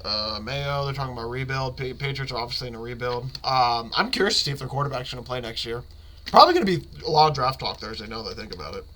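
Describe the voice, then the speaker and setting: A man's voice: medium pitch, lively intonation, quick pace, pushed and bright, a little hiss or hum. A man hosting a casual solo sports podcast while sick, sounding stuffed up with a blocked nose and phlegmy throat, in a rambling, slangy way.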